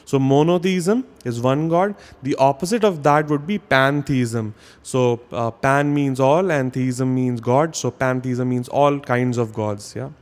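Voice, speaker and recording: A man teaching a vocabulary lesson at a mid-range pitch, in a casual, talky style. He explains each point step by step and keeps checking in with listeners by asking "okay?". He sounds like someone used to speaking to a class. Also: a little slow, hardly any pauses. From India.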